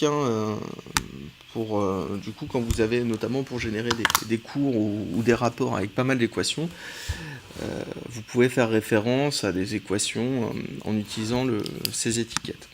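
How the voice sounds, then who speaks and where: In this laid-back screen-recorded coding lesson, a man from France talks through his thoughts as he types, often hesitating with "euh." He has a mid-range voice, recorded against a noisy background.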